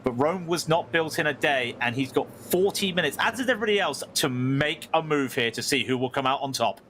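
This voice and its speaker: Male motorsport commentator, second seat: high, forceful voice, conversational live race analysis in short phrases. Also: lively intonation, a little fast, slight background noise. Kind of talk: live sim racing commentary and replay analysis.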